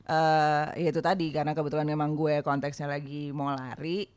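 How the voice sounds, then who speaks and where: A woman's voice: sits low, little pitch movement, fairly quick, a little mellow, clean tone. A woman performer chatting casually, telling candid stories with slang and fillers. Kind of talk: casual podcast chat.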